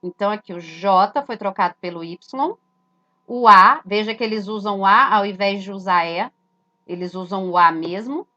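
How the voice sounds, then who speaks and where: A woman's voice: mid-range voice, moderate pace, bright, forceful tone, muffled recording. A woman, giving an explanatory lesson that points at letters and poses rhetorical questions she answers herself. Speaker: religious teacher.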